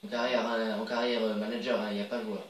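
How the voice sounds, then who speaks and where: A man casually commenting on his own soccer video game match, chatty and excitable, cheering on his players. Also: on the low side, fast talker, roomy sound, recorded from a distance, rough recording.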